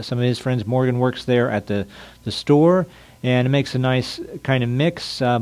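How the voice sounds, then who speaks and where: A man's voice: mid-range voice, a little mellow. A man hosting a podcast who chats with a guest in an easygoing way and laughs often. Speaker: podcast host. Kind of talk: casual interview.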